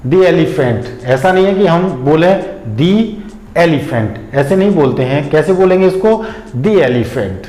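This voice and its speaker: A man teaching English pronunciation, patiently explaining step by step and repeating example words slowly. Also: on the high side, warm tone. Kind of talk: explanatory lesson. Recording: echoey room.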